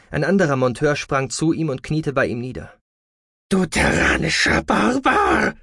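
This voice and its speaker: A man narrating a science fiction audiobook in an expressive storytelling manner. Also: medium pitch, no echo, clean studio sound. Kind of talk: scripted narration.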